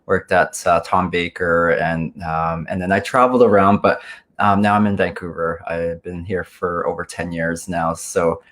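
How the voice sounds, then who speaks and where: A man's voice: sits low, fairly even intonation, moderate pace, a bit bright. A man in his forties, a guest on a video-call interview, talking casually with many ums and restarts. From Canada. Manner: hesitant, many ums and self-corrections.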